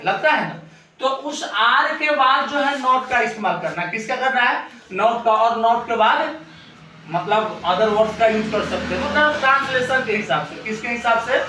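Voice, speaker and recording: High-voiced Indian teacher in an echoey room. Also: male voice, sharp tone, distant mic, slight background noise. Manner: asks the class rhetorical questions and repeats answers. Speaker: English teacher. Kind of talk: classroom grammar lesson.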